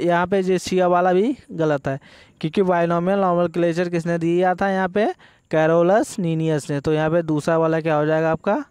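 A man teaching a biology exam-prep lesson. He works through multiple-choice questions step by step, asking and answering his own questions, and reads the English questions aloud slowly. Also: high-pitched, a little mellow, clear, resonant tone, no echo.

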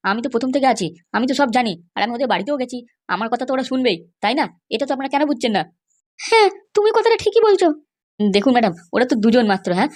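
Sly scheming fixer, rapid and boastful, voiced by a woman. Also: fairly high pitch. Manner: glib, boastful and reassuring. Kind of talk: cartoon voice acting.

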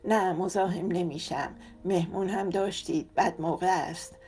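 A woman's voice: lowish voice, dark tone, close to an everyday voice. Woman putting on a coy flirtatious neighbor lady. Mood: flirty. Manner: coquettish, sugary.

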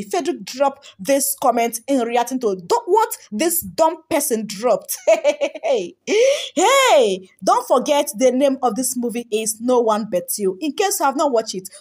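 A woman's voice: sits high, a little mellow. A young Nigerian woman presenting celebrity gossip in a voice-over, reading out comments and reacting with laughter and bits of Pidgin.

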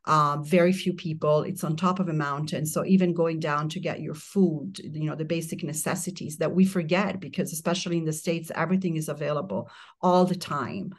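Italian-born woman in middle age, low pitched, calm reflective interview guest. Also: brisk. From Italy. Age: middle-aged. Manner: calm, reflective, speaks in long flowing phrases. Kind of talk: casual interview chat. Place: remote mountain home, remote interview.

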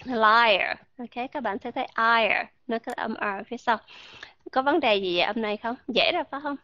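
A woman teaching English pronunciation to an online class, modeling sounds slowly and asking her learners questions. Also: a little high, no room sound, lo-fi sound.

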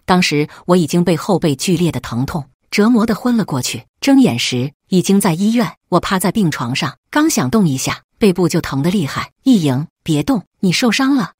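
A woman's voice: fairly low pitch, sing-song, a little fast, few pauses, a little mellow, breathy edge, no room sound, studio quality. A woman telling a romance story in first person, in an emotive reading of scripted narration.

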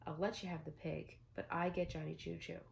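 A young woman voicing a dramatic little boy who pleads and bargains over his toys, in a raised, excited storybook voice. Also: low voice, a little fast, gravelly. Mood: bargaining.

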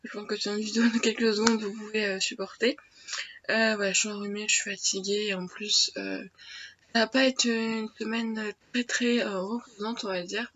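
Her nose stuffed up from a cold, a teenage girl unboxes things for her casual daily beauty vlog, chatting with lots of fillers and restarts. The medium-pitched, fairly bright voice comes across flat at a normal speed. She's in a small attic bedroom, and the webcam's built-in mic yields dull lo-fi sound with a little noise.

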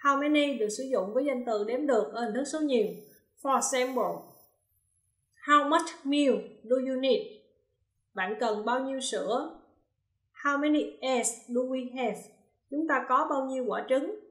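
A woman teaching English in a recorded lesson, her voice sitting fairly high. She reads each example slowly and distinctly, then explains the answer in a steady, methodical way. The sound is roomy, with a noticeable echo. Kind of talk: recorded classroom lesson, explaining grammar exercises. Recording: roomy, echoey room.

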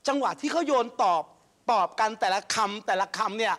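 A man giving a chatty, expressive critique as a judge in a TV studio. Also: high voice, fairly quick. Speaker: talent show judge. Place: TV studio with audience.

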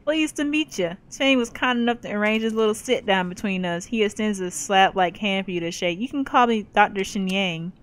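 A woman speaking briskly with few pauses reads aloud the narration and all character dialogue of a role-playing game she's playing, adding playful remarks along the way. Her pitch is medium, the recording quality is low, and it's a gaming YouTuber's let's play.

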